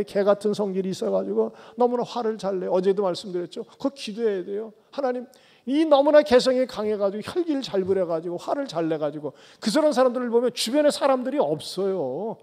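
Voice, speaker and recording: A man preaching a sermon as pastor, tossing rhetorical questions at the congregation and swinging between loud calls and soft low asides. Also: animated, brisk, creaky. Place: church sanctuary. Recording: long church hall reverb.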